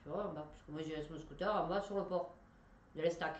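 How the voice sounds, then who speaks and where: A woman's voice: low-pitched, steady tone, quick pace, dull audio. Woman rambling thru a story, lots of fillers, roomy echo, faint hiss behind. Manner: chatty and rambling, many fillers, laughs while talking. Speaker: vlogger telling a personal story. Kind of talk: casual storytelling.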